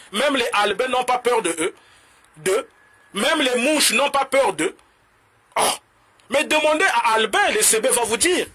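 A man with a Congolese French accent rants about politics to camera. His voice sits high, with a tense, forceful edge and a husky grain. He is combative and mocking, and he switches languages in quick bursts. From Republic of the Congo. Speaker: political commentator. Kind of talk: heated political rant to camera.

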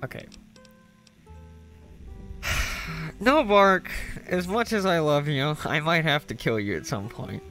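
A man's voice: a little high, big pitch swings, slow, pauses often, fairly bright tone. A young man streaming a video game live, chatting, laughing and joking with viewers. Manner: chatty, laughing, jokey asides. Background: game music.

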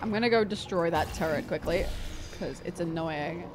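A woman's voice: fairly low pitch, normal speed, over music. A woman livestreaming a game in a cute, bubbly anime-streamer way, chatting casually and repeating phrases to herself.

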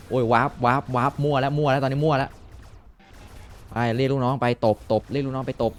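A young man talks through a game in casual commentary, voice pitched in the middle range. He is excitable and swears freely, breaking into exclamations whenever the game surprises him. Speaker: gaming YouTuber.

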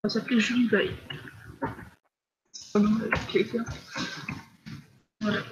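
A teenage girl chatting through a live mobile game stream, full of fillers and drifting into soft whispered asides. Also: mid-range voice, flat delivery, measured pace, muffled recording, a little hiss or hum. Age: teens. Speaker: livestreamer. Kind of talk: casual live gameplay commentary.

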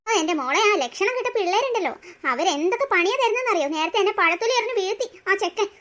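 This is a scheming old grandmother from a cartoon story, scornful and always scolding, as a woman acts her out. The voice sits very high and runs quick. It has a bright, sharp edge. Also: lively intonation. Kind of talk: cartoon voice acting.

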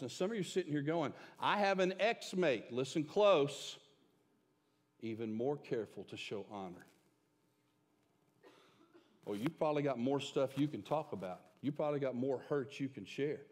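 A middle-aged pastor preaching from the stage, his voice carrying a long reverb through the church sanctuary. He swings between emphatic bursts and quiet, hushed asides. His pitch sits at a middle level for a man. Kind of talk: sermon.

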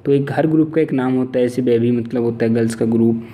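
Dark-voiced Indian man teaching vocabulary. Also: medium pitch, fairly even intonation. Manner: reads English definitions slowly, explains in Hindi with frequent "ठीक है". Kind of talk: exam-prep lesson, explaining vocabulary.

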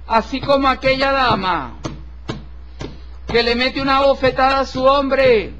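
High-voiced man reading a solemn horoscope. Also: bright, forceful tone. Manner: solemn, slow and formal, addressing listener respectfully. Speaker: tarot horoscope reader. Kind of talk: horoscope reading over tarot cards. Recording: dull lo-fi recording with faint hiss.

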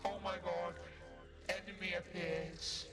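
A man's voice: sits high, flat delivery, slow, over music. A man giving horror game commentary as a streamer, sounding scared, stammering and exclaiming. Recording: roomy, reverberant, far from mic.

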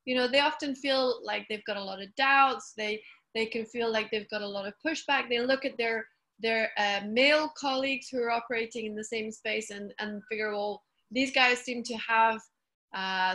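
A woman's voice: a little high, pushed and bright. A woman hosting, asking long, rambling interview questions. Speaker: host.

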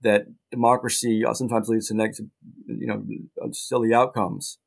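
A middle-aged man, a journalist guest in a casual interview, talking in halting bursts with many restarts and dry asides. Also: fairly low pitch, level tone, vocal fry.

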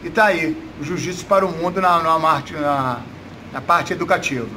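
A man's voice: a little high, moderate pace, bright, forceful tone. A Brazilian man in his fifties, a coach giving casual interview answers in a gym with noise behind him. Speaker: jiu-jitsu coach. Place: indoors, gym room. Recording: noticeable background noise.

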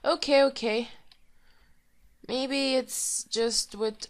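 A woman hosting a let's play, hoarse from being sick and reacting to the game with excited exclamations and giggles. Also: sits high, drawn-out words. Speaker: gaming video host. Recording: faint music behind.

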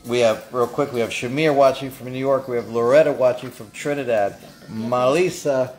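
A man's voice: medium pitch, moderate pace, darkish tone, faint music behind. A man co-hosting a home cooking stream, casually reading out viewer names and where they are watching from. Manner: casual, reads names off a list. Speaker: co-host reading viewer comments. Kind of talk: live-stream chat. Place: home kitchen.

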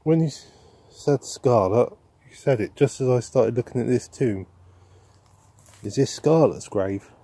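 A man hosting a ghost-hunting vlog outdoors in a churchyard, talking softly to spirits and musing aloud with questions. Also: mid-range voice, animated, measured pace, slightly rough. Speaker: paranormal investigator host.

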